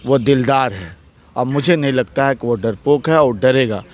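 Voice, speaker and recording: Forceful man in a heated interview. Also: mid-range voice, normal speed, a little hiss or hum. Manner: forceful, repetitive, rhetorical questions. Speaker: advocate interviewee.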